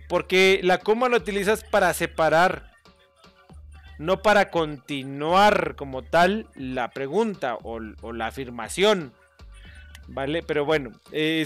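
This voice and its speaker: Rambling man, high voice. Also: fairly bright tone, no echo. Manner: rambling, corrects viewers' spelling, chuckles often. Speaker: YouTube gamer and channel host. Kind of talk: casual screen-recording tutorial.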